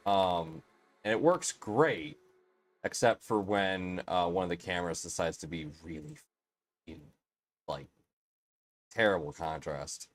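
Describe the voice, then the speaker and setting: A man's voice: low voice, measured pace, long pauses. A man in his late twenties hosting a casual live stream, rambling and chatty with lots of fillers and restarts. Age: 20s.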